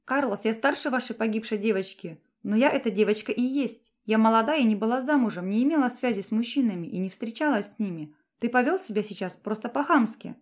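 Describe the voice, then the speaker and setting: A woman's voice: a little high, quick pace, hardly any pauses, close to an everyday voice. A woman reading an audiobook, voicing a young heroine who speaks earnestly and defiantly. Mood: indignant. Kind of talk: audiobook character voice.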